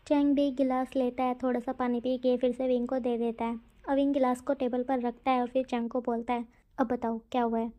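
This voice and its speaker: A woman's voice: high-pitched, little pitch movement, fairly quick, few pauses, mellow. A woman narrating a story in a casual, chatty way, talking straight to her listeners. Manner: chatty, addresses the listeners directly.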